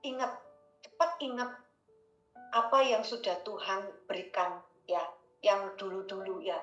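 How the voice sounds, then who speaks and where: A woman's voice: medium pitch, a little slow, a bit bright. A woman giving a casual devotional talk, chatty and repetitive, often addressing listeners as brothers and sisters. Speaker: devotional speaker. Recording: roomy, dull lo-fi recording with faint music.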